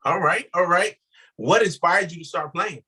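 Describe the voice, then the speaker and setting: A man's voice: sits high, normal speed, bright, forceful tone, breathy edge. A man hosting an interview show, asking questions in an upbeat, folksy way. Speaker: podcast host.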